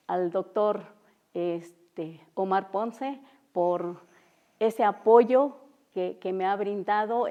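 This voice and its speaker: Slow, halting woman teaching a class. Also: mid-range voice, darkish tone, dull audio. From Oaxaca, Mexico. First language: Mixtec. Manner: slow and halting, many fillers, repeats tone examples. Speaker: language teacher. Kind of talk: unscripted classroom lesson. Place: university auditorium.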